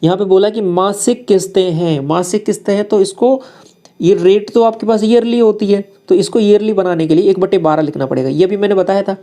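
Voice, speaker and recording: A man with a mellow, warm voice teaching maths. He takes his students through each step, often asking them questions and then answering in their voice. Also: high-pitched, brisk. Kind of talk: explaining exam maths problems to students.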